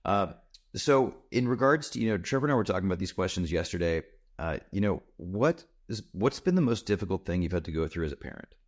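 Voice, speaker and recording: A man with a very deep voice hosts a casual podcast. He talks in a relaxed, joking way and asks his guest questions. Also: fast. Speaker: podcast host.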